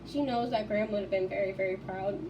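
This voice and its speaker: A woman's voice: medium pitch, steady tone, fast talker, far from the mic, muffled recording, noisy background. A young woman in a casual dorm tour vlog, rambling with many fillers and restarts. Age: young adult. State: tearful, voice breaking. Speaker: vlogger. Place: college dorm room.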